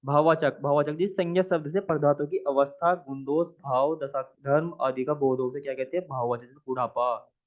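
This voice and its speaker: A man teaching an exam practice lesson in a somewhat high voice. He asks each question aloud, answers it himself and repeats the answer again and again. The sound is thin and tinny, like a phone line. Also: steady tone, moderate pace. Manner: asks the viewer questions, then answers them. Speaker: Hindi exam tutor.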